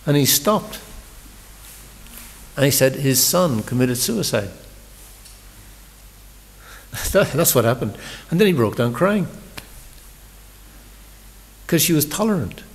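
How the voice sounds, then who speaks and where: Man preaching conversationally in a large temple hall, long reverb, mid-pitched voice, storyteller with stumbling restarts. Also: sing-song, takes it slowly, long pauses. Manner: warm storytelling, conversational, repeats words when he restarts. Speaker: visiting speaker giving a scripture class. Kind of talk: sermon.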